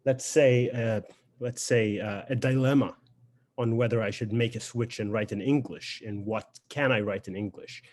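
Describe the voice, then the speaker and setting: A man's voice: on the low side, steady tone, normal speed, a little mellow. Lebanese-accented man, reflective and hesitant. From Beirut, Lebanon. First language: Lebanese Arabic. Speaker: poet. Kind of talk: informal spoken introduction to a poetry reading.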